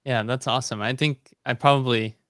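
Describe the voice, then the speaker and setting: Man, video call audio, bright, crisp, dry, casual host, lots of ums. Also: mid-range voice, fairly even intonation, a little fast, no echo. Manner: rambling, many ums and restarts. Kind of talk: casual live-stream chat.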